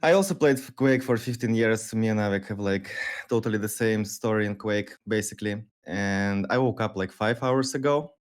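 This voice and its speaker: A thirty-year-old man, a podcast guest, speaking that is not his in a halting, laid-back way with many fillers. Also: fairly low pitch. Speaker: guest, pro gamer. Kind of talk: casual interview chat.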